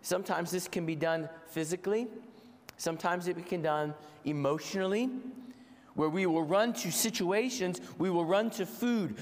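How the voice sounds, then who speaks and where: A man with a head cold and a gravelly voice preaches a sermon in a measured, deliberate way, repeating phrases for emphasis. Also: sits high. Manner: measured, deliberate delivery with rhetorical repetition. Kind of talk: sermon to a congregation. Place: large reverberant room, speaking to a congregation. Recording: echoey hall with long reverb.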